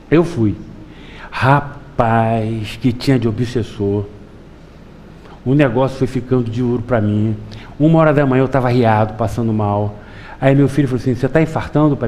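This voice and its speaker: A man's voice: normal speed, a little hiss or hum. A middle-aged man giving a Spiritist public lecture, telling folksy stories and often asking the audience to agree. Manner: lively storytelling with wide pitch swings.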